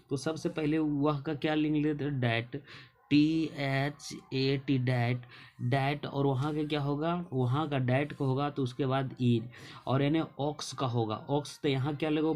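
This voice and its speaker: Guy teaching english basics, mid-pitch voice, slow letter by letter spelling, keeps asking then answering his own questions. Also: a little mellow. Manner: slow, drawn-out dictation of spellings. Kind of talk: classroom lesson explaining translation.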